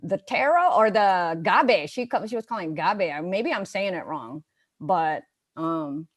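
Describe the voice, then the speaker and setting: A woman's voice: lowish voice, lively intonation, a little slow. A middle-aged woman from the United States, chatting casually as a guest on a comedy show, rambling with fillers and restarts. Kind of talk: casual chat.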